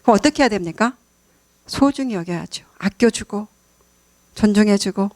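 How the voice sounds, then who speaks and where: A woman's voice: medium pitch, animated, normal speed, dry recording. Korean woman preacher, dry close sound. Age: middle-aged. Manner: warm storytelling with frequent laughs and questions to the audience. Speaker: church speaker. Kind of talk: special sermon to a congregation.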